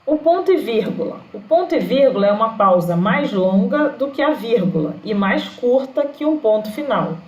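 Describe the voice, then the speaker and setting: A woman teacher, explaining a grammar lesson slowly and patiently with fillers. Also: a little high, big pitch swings, darkish tone, reverberant, muffled recording.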